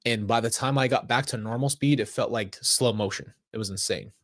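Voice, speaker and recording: A man's voice: medium pitch, a little fast, a bit bright, no echo, studio quality. Earnest man addressing his viewers. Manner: earnest, talks straight to viewers and chat. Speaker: reaction video host. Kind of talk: casual reaction commentary.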